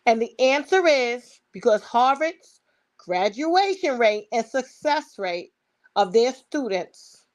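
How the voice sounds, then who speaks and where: A woman with a Brooklyn accent giving opinionated commentary, speaking emphatically and informally. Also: a little high. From Brooklyn, New York. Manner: emphatic, rhetorical questions, swearing.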